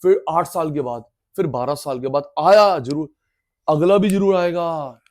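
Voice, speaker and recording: High-pitched male teacher, lecture style, repetitive drilling, playful asides to students. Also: measured pace, a little mellow. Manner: drills terms by repetition, addresses students directly; playful, mixes in jokes and skits. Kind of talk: classroom lecture.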